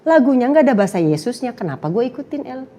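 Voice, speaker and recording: A woman's voice: on the high side, very animated, fast, mellow, slight background noise. A young woman telling her story in casual chat, acting out quotes and laughing often. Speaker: guest sharing testimony.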